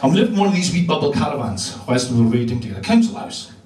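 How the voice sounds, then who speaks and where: A Hebridean Scottish man doing stand-up with a high voice and a profane, deadpan delivery. He is recorded from far off in a roomy live venue, so the sound is echoey and distant. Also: very fast. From Isle of Lewis, Scotland. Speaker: stand-up comedian. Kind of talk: stand-up comedy. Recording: echoey club room from far off.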